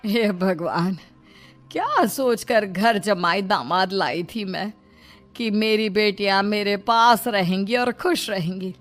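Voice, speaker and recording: A scheming but fond middle-aged matriarch, acted by a woman coaxes and admonishes in a cartoon family tale. The voice is of ordinary female pitch, with faint music behind it. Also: expressive, slow pace. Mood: dismayed. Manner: admonishing, coaxing. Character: shrewd middle-aged mother-in-law, scheming yet affectionate matriarch. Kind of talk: moral-story cartoon voice-over.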